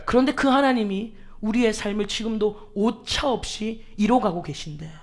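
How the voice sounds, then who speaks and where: A woman's voice: medium pitch, normal speed. A woman pastor preaching a sermon, emphatic, asking the congregation rhetorical questions and acting out quoted pleas with drama.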